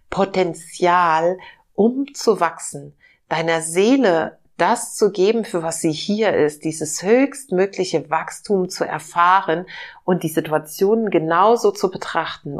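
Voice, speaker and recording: A woman podcast host, her pitch fairly low, delivers a reflective self-help talk. She has a slight cold-induced hoarseness and a gentle, searching manner filled with fillers.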